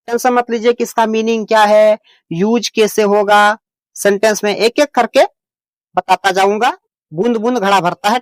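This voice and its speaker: Explaining a beginner English lesson in Hindi, this man has a high voice and the audio carries no echo. His manner is plain and homely as he patiently goes over every point again and offers his learners reassurance.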